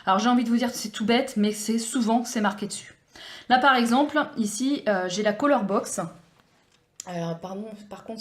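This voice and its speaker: A woman's voice: medium pitch, a little mellow. A woman hosting a craft tutorial, explaining products in a chatty way with many hesitations and restarts. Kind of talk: explaining a scrapbooking product review.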